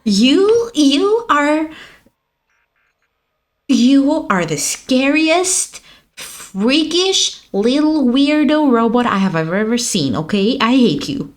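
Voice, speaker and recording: A woman streamer talks back to a game character with sassy, mock-dramatic flair. Her pitch swings widely, and she takes her time between lines. The audio sounds a bit rough. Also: very animated, takes it slowly. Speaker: gaming streamer. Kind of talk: let's play commentary.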